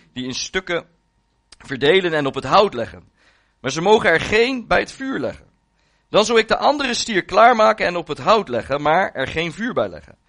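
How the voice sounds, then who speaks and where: Lively-voiced man reading scripture. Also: high-pitched. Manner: solemn reading with rising emphasis. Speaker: preacher.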